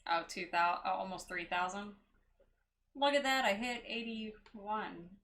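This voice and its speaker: A woman's voice: medium pitch, unhurried, a bit bright, slight background noise. Female streamer, casual gameplay chat, playful and giggly, mid-range voice. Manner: playful, giggly, jokes about mispronouncing names. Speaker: game streamer.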